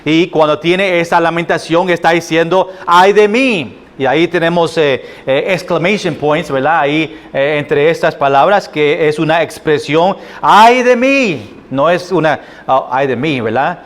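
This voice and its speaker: A man with a Puerto Rican accent preaching a sermon as pastor, halting often with fillers and restarts. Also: on the high side, fairly even intonation. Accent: Puerto Rican Spanish. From Puerto Rico. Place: church sanctuary.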